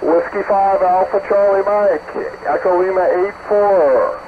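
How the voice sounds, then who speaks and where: High-pitched man on crackly shortwave radio. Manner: brisk, procedural, repetitive. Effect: shortwave radio transmission. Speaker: amateur radio operator running contacts. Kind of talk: clipped radio call exchanges with phonetic letters. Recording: noisy, narrow-band shortwave radio signal.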